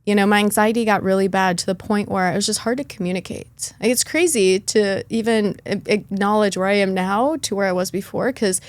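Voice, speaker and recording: A woman's voice: medium pitch, steady tone, a little fast, few pauses, no echo. A young adult woman speaks as a podcast guest, telling her story in a candid, chatty way, with easy fillers and a mid-range voice. The sound is dry and close, with no room around it. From born in Lithuania, raised in Chicago. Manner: earnest, chatty, with light laughs and fillers.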